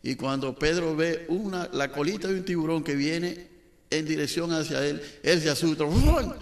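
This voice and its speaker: A man with a Dominican accent telling jokes in a lively comic storytelling manner, adding sound effects. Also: on the high side, moderate pace. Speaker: joke teller.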